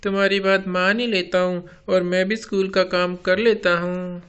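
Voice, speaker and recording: A man's voice: high voice, level tone, normal speed, lo-fi sound, noisy background, natural voice. A man voicing a cheeky little boy. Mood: pleading innocent. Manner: cheeky, teasing. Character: mischievous young village boy.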